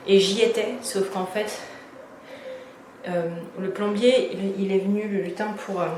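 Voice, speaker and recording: Her voice is medium-pitched with a darkish tone, fairly even intonation and a measured pace, over slight background noise. In an echoey room, the DIY renovation vlogger talks casually to the camera about redoing her bathroom, venting annoyance with lots of fillers and restarts.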